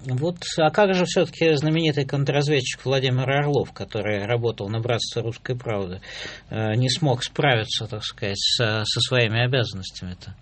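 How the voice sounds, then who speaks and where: A man's voice: mid-range voice, normal speed, a bit bright, slight background noise. A man hosting a radio interview, asking questions hesitantly. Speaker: radio host.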